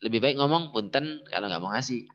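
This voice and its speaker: A man teaching Arabic grammar in a casual lesson, often pausing to think aloud and search for the right word. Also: fairly low pitch, fairly bright tone. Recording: dull lo-fi recording.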